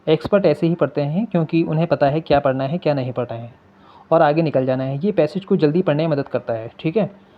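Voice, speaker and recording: A man teaching exam reading strategies, mixing into his talk, addressing viewers as friends and pausing often with fillers. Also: a little high. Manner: addresses viewers as friends, mixes English terms into Hindi; many hesitation fillers. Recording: dull lo-fi recording.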